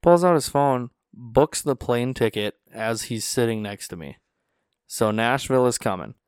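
A North Dakota man hosts a podcast from a small studio, swapping stories in casual conversation and animatedly performing the voices of the people he quotes. His voice sits at a medium pitch and moves a little slowly, with a clean tone. The studio podcast mic gives clean studio sound with no echo.

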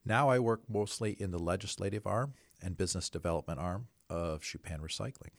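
A man's voice: low voice, a little fast, gravelly, no echo. A man introducing himself conversationally as a professional guest in an interview. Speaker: interview guest, recycling projects manager.

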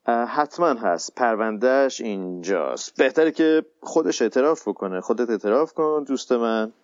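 A man's voice: medium pitch, lively intonation, no echo, natural voice. A man playing a bossy, sarcastic counselor. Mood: impatient. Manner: brusque, sarcastic, drawn-out hesitations. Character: bossy impatient male counselor, middle-aged. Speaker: group therapy counselor. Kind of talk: radio sitcom acting. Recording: slightly muffled, dry recording.

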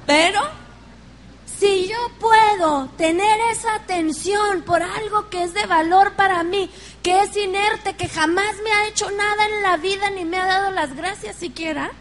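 Middle-aged Mexican woman preacher, high-pitched, warm anecdotal sermon style, faint hiss behind. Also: a little slow. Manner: lively storytelling, laughs along with the congregation.

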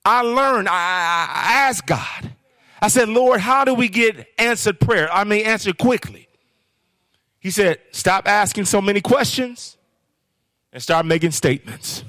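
A man's voice: high voice, animated, measured pace, bright, forceful tone, no echo, clean studio sound. A man preaching a sermon as guest speaker, questioning the crowd and rising into sing-song phrases. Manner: call-and-response preaching, sing-song rises.

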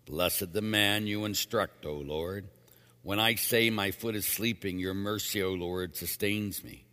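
A man's voice: fairly low pitch, measured pace, sharp tone, big-room sound. A man speaking as a priest, reading scripture and then giving a plain-spoken, emphatic homily with casual asides.

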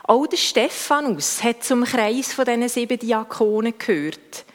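A woman's voice: fairly high pitch, animated, unhurried. A woman with a Swiss German accent preaching a conversational sermon, sometimes correcting herself mid-sentence.

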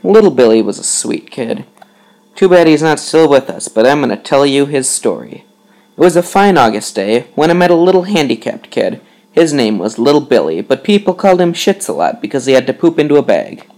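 A man telling a dark comedy story in the first person, deadpan and matter-of-fact. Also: mid-range voice, fairly quick, low-quality recording. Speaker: comic storyteller.

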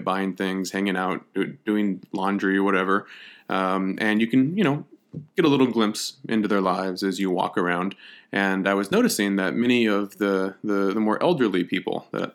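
A native English-speaking man with a low voice and fairly bright tone hosts a podcast. He talks a topic through in a casual, lecture-style monologue that feels conversational, peppered with frequent fillers and restarts.

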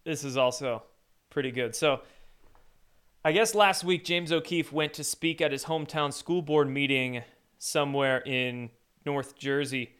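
A man hosting a casual political commentary show, talking in a wry, animated way and chuckling often. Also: a little high, a little slow, smooth.

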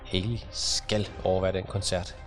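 A man's voice: low voice, level tone, soft background music, natural voice. A man voicing a focused, commanding woman who leads a team of agents in an audiobook. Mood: firm. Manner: firm, clipped.

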